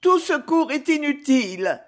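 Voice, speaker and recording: A distraught noblewoman in tears, as a woman reading a novel aloud puts her on. She pleads in a high, trembling voice that rises and falls sharply, slow and dramatic. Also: sing-song. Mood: anguished. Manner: pleading, tearful. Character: grieving young noblewoman, tearful and dramatic.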